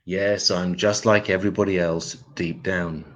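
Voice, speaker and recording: Deadpan stand-up comic. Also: male voice, low voice, normal speed. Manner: deadpan, self-mocking. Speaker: stand-up comedian. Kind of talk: online stand-up set of one-liners.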